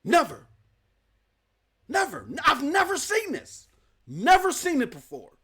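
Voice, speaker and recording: A man's voice: very high voice, wildly swooping pitch, unhurried, sharp tone. A man hosting a live gaming news stream, ranting emphatically with slang and rhetorical questions.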